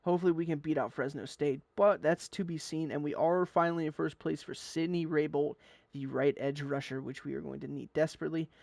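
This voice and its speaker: A man's voice: fairly high pitch, fairly even intonation, a little fast, creaky, a little mellow, no echo. A young man giving casual, upbeat commentary on a football video game, rambling and sometimes stumbling over his words. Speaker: gaming YouTuber.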